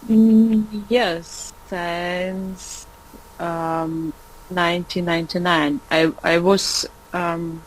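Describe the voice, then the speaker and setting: Woman, 40s, native Russian speaker, Austrian-tinged accent, hesitant and slow, searching for words, faint noise behind. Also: fairly low pitch, fairly even intonation, low-quality recording. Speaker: student. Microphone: video call.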